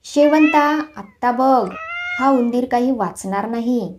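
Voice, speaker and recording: A woman voicing an angry, blustering middle-aged male farmer in a storybook tale, shouting loudly and pitching her voice up. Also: slow, background noise. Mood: boastful.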